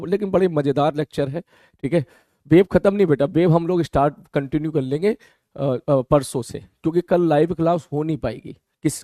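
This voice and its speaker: A man teaching a live online physics class who has a mouth ulcer and talks slower than usual. He keeps asking his students whether his point is clear. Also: a little high, mellow, no echo, studio quality. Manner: addresses students as beta, checks understanding.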